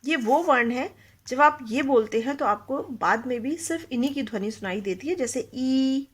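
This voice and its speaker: Patiently explaining Hindi grammar to young children, a woman with a slightly high, husky, animated voice speaks at a moderate pace. She quizzes the class and slips English words into her Hindi.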